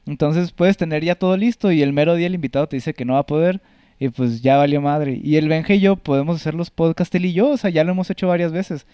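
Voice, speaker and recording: A man's voice: a little high, quick pace, mellow, smooth, no room sound, studio quality. A man with a Mexican Spanish accent co-hosting a podcast, joking in easygoing banter. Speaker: podcast co-host. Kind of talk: casual chat.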